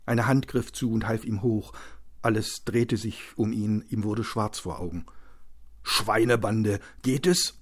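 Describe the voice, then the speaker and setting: A man reading a novel aloud as an audiobook narrator, with steady, tense storytelling. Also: on the low side, measured pace, husky. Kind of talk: scripted narration.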